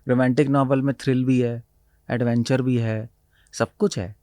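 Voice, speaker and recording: Male spiritual teacher, middle-pitched, dry close recording, explains verses mixing Hindi and English. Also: little pitch movement, moderate pace, mellow, no echo. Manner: mixes Hindi and English, quotes Sanskrit verses, laughs often. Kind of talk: explaining scripture in conversation.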